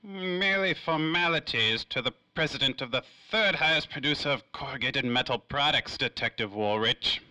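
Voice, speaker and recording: Here a medium-pitched male voice, pushed and bright, voices a smug, evasive tycoon in a 1930s-style radio noir serial, a suave, cagey and self-important industrialist. His delivery is theatrical and drawn-out, full of dodging turns of phrase. The audio is rough, with no room sound.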